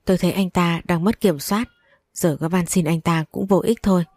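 A woman's voice: fairly low pitch, fairly even intonation, normal speed, a little mellow, no room sound, clean studio sound. A woman narrating a dramatic first-person story. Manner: dramatic, reads dialogue aloud.

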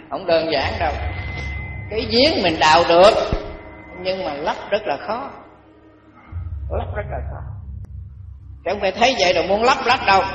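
A man's voice: high voice, a bit bright. A man giving a dharma talk, telling folksy village stories and acting out the people in them. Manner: folksy, acts out village characters in quotes. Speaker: monk teaching. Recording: echoey distant recording, dull sound, faint music.

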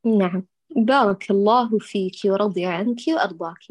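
A woman's voice: medium pitch, moderate pace, no echo. Patient woman teaching Quran recitation. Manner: patient, correcting and modelling sounds, many blessings. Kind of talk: online recitation correction lesson.

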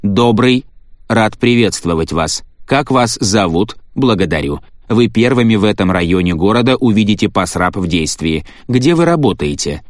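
A man voicing a broken male sales robot that repeats its greetings slowly like a skipping record. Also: on the low side, animated, no echo, studio quality, lightly acted. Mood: glitching cheerful. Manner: metallic, repetitive, slow and halting. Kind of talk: audiobook reading.

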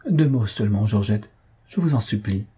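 A man's voice: fairly low pitch, lively intonation, moderate pace, mellow, husky. A man voicing a feverish young man in love, eagerly pleading with the woman at his bedside.

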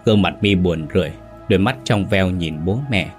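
A man narrating a horror story in a dramatic, measured way. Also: deep voice. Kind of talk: scripted ghost story narration. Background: faint music.

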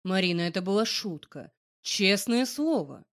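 A woman voicing a calm, self-assured young male boss who speaks in a low, level way in an audiobook. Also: moderate pace, natural voice. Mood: calm persuasive. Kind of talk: audiobook character voice.

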